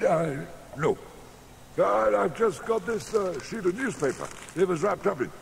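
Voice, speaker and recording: Gravelly, blustering old sea captain. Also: male voice, sits high, expressive, unhurried, full character voice. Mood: astonished, flustered. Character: gruff, blustery older sea captain, big-hearted. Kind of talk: radio drama acting. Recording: noisy sound effects behind.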